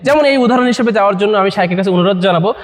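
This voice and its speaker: Fast, high-voiced man in a reverberant hall. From Bangladesh. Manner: coaxing, asks listeners questions. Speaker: publisher's presenter addressing young men. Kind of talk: promotional talk to a live group.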